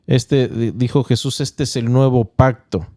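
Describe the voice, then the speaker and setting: A man speaking as a pastor and podcast host, explaining point by point and checking in with his listeners, measured with small restarts. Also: medium pitch, dark tone, no echo, clean studio sound. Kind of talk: teaching podcast talk.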